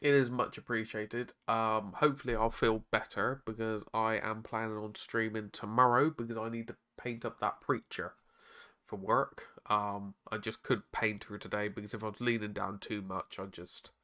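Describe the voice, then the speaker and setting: A man with a hoarse, raspy voice, chatting casually on a live stream while painting miniatures. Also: fairly low pitch, flat delivery, normal speed, bright, forceful tone. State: hoarse, struggling to talk.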